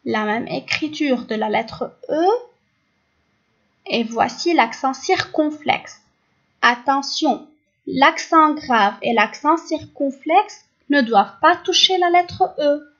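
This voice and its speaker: A woman teacher with a Lebanese French accent, giving a phonics lesson and pronouncing each sound and syllable very slowly and clearly. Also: high voice, lively intonation, a bit bright. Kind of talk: recorded phonics lesson for young pupils. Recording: dull lo-fi recording.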